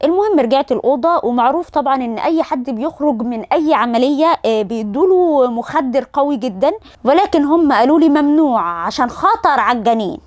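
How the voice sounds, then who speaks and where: A woman's voice: high voice, fast. A young woman with an Egyptian accent, telling a comic personal story and acting out the lines of the people in it. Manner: animated, acts out doctors' lines. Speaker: vlogger.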